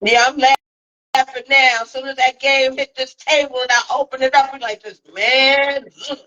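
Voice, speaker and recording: A woman's voice: sits high, level tone, normal speed, bright, forceful tone. A woman hosting a podcast, playful and talking straight to her listeners. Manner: playful, addresses listeners directly, hypes the audience. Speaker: podcast host. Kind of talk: casual podcast conversation. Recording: dull lo-fi audio.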